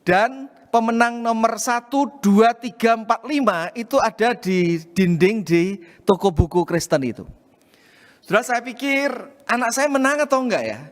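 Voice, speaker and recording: A man's voice: extremely high pitch, lively intonation, moderate pace. A man pastor telling a family story in a sermon, addressing the congregation directly and acting out the quoted lines. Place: church hall. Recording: reverberant church hall.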